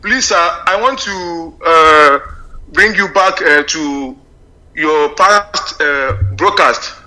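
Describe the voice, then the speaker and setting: Man calling in over a phone line, hesitant and repetitive; voice pitched high and sharply bright. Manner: halting, frequent fillers and repeated words. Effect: heard over a phone line. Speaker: radio call-in caller. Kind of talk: earnest call-in comment.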